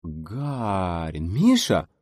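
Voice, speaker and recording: A man's voice: medium pitch, brisk, no echo, studio quality, pitched above the performer's own voice, close to an everyday voice. A man voicing an older, sly and eager film director in an audiobook reading. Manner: lively, cunning, purring. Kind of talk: audiobook character voice.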